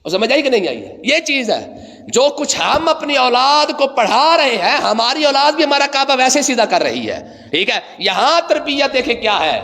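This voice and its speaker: Guy teaching quran, high bright voice, repeats himself a lot, echoey hall sound. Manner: emphatic, repeats phrases, asks listeners rhetorical questions. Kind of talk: Quran commentary lesson.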